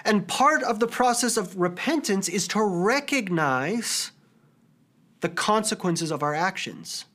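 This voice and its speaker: A man's voice: high voice, animated, unhurried, a bit bright. A pastor in his thirties preaching a sermon, earnest and conversational, telling stories with casual fillers.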